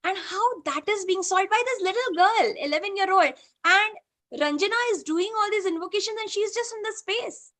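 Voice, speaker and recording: A woman's voice: very high-pitched, normal speed. A woman with an Indian accent who leads a group session and tells a participant's story animatedly, mixing English and Hindi, over a video call. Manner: animated, mixes English and Hindi, many "you know" fillers. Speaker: spiritual session facilitator.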